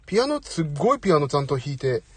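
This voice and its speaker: Middle-aged guy rambling on his live stream, kinda husky, voice jumps all over, keeps saying sorry, dry close phone sound. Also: on the high side, sing-song, rapid-fire, dry recording. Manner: chatty, apologetic, self-deprecating. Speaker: host. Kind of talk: casual live audio chat. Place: parked outside, away from home.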